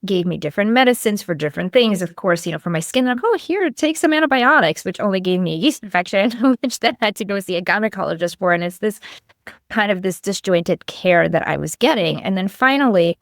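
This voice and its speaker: With a medium-pitched, lively voice and a brisk pace, this middle-aged woman from Lithuania, a clinical nutritionist guesting on a podcast, tells a personal anecdote chattily, voicing snatches of conversation. There's no room sound; the studio audio is clean.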